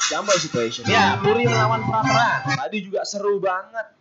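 A commentator hoarse from yelling, calling live basketball in an informal, exclamatory way with English phrases mixed in. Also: medium pitch, animated, normal speed. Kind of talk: excited live sports commentary. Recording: dull lo-fi broadcast sound, loud music behind.

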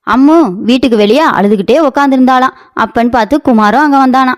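A woman narrating a cartoon story in a brisk storybook manner. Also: sits high.

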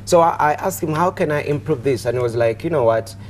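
Speaking quickly in a somewhat high voice, this young Ugandan-accented TV host chats through a relaxed interview in the studio. He repeats himself and keeps saying "you know" over noticeable background noise.

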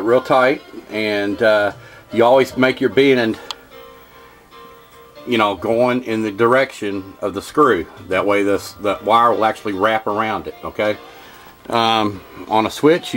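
Folksy man with a lowish voice. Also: a little slow, fairly bright tone, faint music behind. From Kentucky. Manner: folksy, rambling, lots of "uh" and "okay, y'all". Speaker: HVAC technician. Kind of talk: hands-on how-to demonstration. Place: home workshop with wood-paneled walls.

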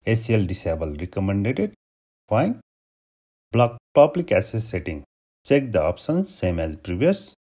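A man from Nepal hosting a step-by-step software tutorial, giving steady instructions over a screen recording. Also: fairly low pitch, measured pace, breathy edge. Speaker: tutorial host.

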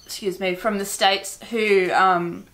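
A woman's voice: medium pitch, fairly even intonation, takes it slowly, fairly bright tone. Chatty Australian woman tasting snacks. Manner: chatty, talks while chewing. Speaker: host. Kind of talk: casual snack-tasting chat.

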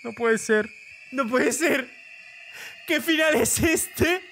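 Over a slight hiss or hum, a young male gaming streamer speaks slowly in a very high-pitched voice while playing a horror game. Easily spooked, he lets out frightened shouts and keeps repeating his exclamations.

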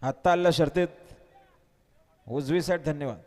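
High-voiced man over an outdoor loudspeaker. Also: moderate pace, long reverb tail. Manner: loud calls and instructions to the crowd. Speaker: race announcer. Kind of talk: live event commentary.

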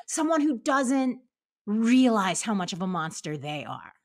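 A woman's voice: medium pitch, sing-song, a little slow. A middle-aged woman hosting a conversational interview over a video call, informal, reflective and blunt in how she talks. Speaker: show host, interviewer.

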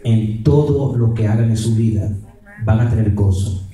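Animated male preacher, echoey and distant. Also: on the low side, normal speed. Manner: mixes two languages mid-sentence; laughs often while telling stories. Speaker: evangelist preacher. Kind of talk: storytelling sermon. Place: coffee house gathering. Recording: very roomy sound from far off.

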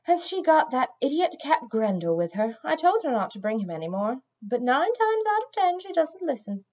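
Woman as a calm, wry witch. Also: high voice, normal speed, dull audio, voice pushed up.

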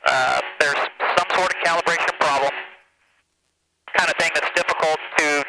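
American man, pilot over the radio headset, slightly high voice, measured, hesitant, noisy small-aircraft cockpit. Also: fairly even intonation. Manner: measured, hesitant, matter-of-fact. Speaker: pilot narrating his flight. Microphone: aviation headset boom mic.

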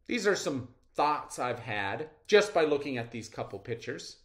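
Speaking at medium pitch, a middle-aged man leads a read-aloud lesson for children. His manner is deliberate and expressive, with plenty of explanation.

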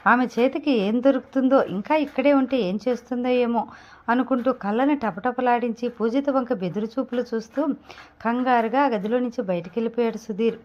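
Brief: female audio-novel narrator, measured and steady, high-ish voice, muffled lo-fi recording. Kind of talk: scripted story narration. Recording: dull lo-fi recording.

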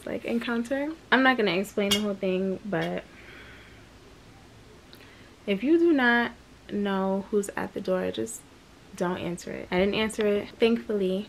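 A young woman vlogger talks casually to a camera held close at arm's length in her small bedroom, candid and rambling, trailing off into fillers. Her mid-pitched voice has a gravelly fry at line ends, and a faint room hiss sits under the rough recording.

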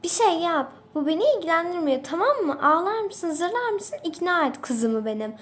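A woman's voice: very high voice, sing-song, normal speed, voice pushed up. A woman voicing an angry, demanding mother in a game role-play, speaking in a bossy, scolding way.

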